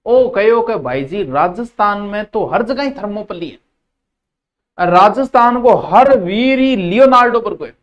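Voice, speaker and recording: A man's voice: high voice, animated, measured pace, lo-fi sound. A man with a Rajasthani accent teaching a live exam-prep class. He drills key terms by repeating them.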